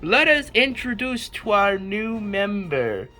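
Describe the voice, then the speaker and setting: A man voicing a scheming male pig villain doctor from his childhood comic, speaking slowly and mock-menacingly. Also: sits high, big pitch swings, sharp tone, soft background music, heavily acted.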